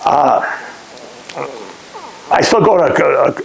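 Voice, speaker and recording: An older man, recalling lodge days in a casual interview, halting and restarting often. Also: fairly high pitch, expressive, creaky, poor audio. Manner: halting, many restarts, chuckles at his own remarks. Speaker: interviewee, past lodge master. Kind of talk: casual oral-history interview.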